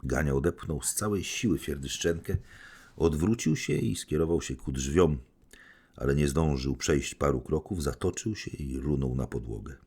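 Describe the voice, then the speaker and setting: A man narrating an audiobook in a measured, dramatic reading style. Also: rumbling low, lively intonation, a little mellow, husky. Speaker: audiobook reader.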